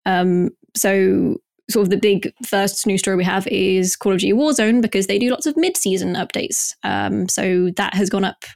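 A woman's voice: medium pitch, moderate pace, vocal fry, a little mellow, no echo, clean studio sound. A young woman chatting casually on a podcast and presenting the news segment, talking with lots of fillers and giggles.

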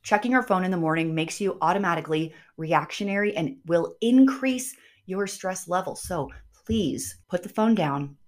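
A woman's voice: on the low side, moderate pace, few pauses. A woman hosting a self-improvement show, giving upbeat, tidy advice straight to listeners in emphatic, punchy phrases. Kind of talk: scripted advice monologue to listeners.

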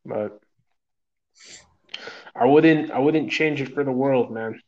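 A man's voice: medium pitch, takes it slowly, a little mellow. A man from New York, an EMS medic talking in a casual interview, rambling with lots of fillers, swearing, and calling the listener "man". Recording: dull lo-fi recording.

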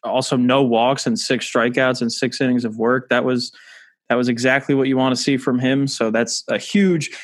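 Man, casual podcast co-host, relaxed baseball talk, restarts his phrases often. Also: mid-range voice, normal speed. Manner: relaxed, chatty, frequent restarts. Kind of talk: casual sports podcast chat.

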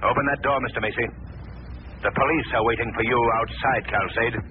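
A man's voice: mid-range voice, brisk, close to an everyday voice. A man acting in a 1940s radio drama as an unseen, mocking avenger who taunts criminals with theatrical deliberation. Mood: stern, triumphant. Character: unseen avenging male mystery crime fighter, mocking and menacing. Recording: tinny, hissy old radio recording.

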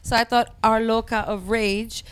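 A woman's voice: fairly high pitch, level tone, unhurried. A woman chatting casually and slangily as a podcast guest, telling stories with a lisp and a whistling s. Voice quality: lisp with whistling s from a gold tooth. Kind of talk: casual chat. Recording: clear background noise.

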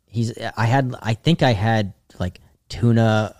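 A man's voice: fairly low pitch, slow, a little mellow, no echo, studio quality. A young man from the Boston suburbs, a guest telling stories in a rambling, filler-heavy casual chat. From Boston suburbs, USA. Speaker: guest, comedian.

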